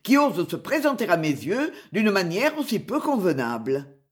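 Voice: medium pitch, sing-song, normal speed, natural voice. A reader voicing a bold, proud young outlaw hero in an audiobook. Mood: commanding. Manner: proud, commanding.

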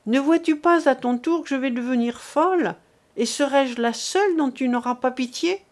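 A woman reading aloud as a desperate mother imploring men to spare her son, in an impassioned, high voice. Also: normal speed, lightly acted. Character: desperate pleading older mother.

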